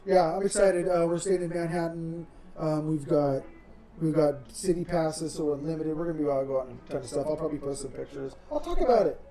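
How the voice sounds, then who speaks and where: A man co-hosting a podcast in casual chat, excitable and jokey. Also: on the high side, brisk, rough recording. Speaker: podcast co-host. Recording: music and crowd noise behind.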